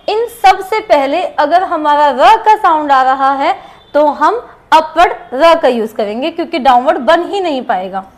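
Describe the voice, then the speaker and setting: An Indian woman teaches a shorthand class with a high voice. She moves slowly and deliberately, saying each example word aloud more than once as she explains the rules. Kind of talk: explaining a lesson step by step.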